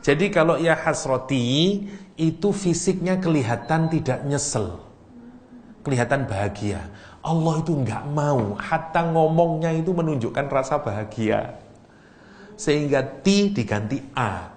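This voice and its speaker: A middle-aged man with a light tinge gives an animated religious lesson, his pitch jumping up when he acts out cries of grief. He teases his listeners, laughs easily and quizzes them, while a faint hum of room noise sits behind him. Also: unhurried. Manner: teasing and animated, acts out Arabic cries with sudden high voice; laughs often, asks the audience questions. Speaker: Islamic teacher. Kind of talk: lecture on Quranic language.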